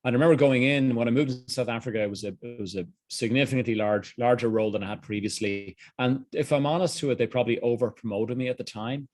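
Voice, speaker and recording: Speaking quickly with hardly any pauses, this Dublin-accented Irishman, middle-aged, is an executive coach being interviewed. He reflects candidly and earnestly, frequently restarting his phrases, in a darkish, medium-pitched, fairly even voice on a dry recording.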